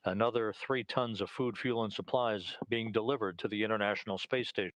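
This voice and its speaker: A man's voice: lowish voice, steady tone, brisk, fairly bright tone, no room sound. A man giving live commentary on a space mission.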